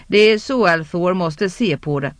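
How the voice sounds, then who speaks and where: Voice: medium pitch, animated, natural voice. A shaken, desperate noblewoman in a fantasy audiobook, played by the narrator, pleading urgently with the others. Dry, close recording with no room echo.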